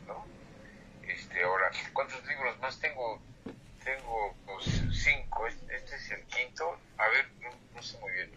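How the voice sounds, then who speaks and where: The voice is male, on the low side, pushed and bright: an older poet appearing as a guest. In a phone-in interview and poetry reading heard through a tinny line with faint hiss, he recites verse with whispered refrains and then chats about his books.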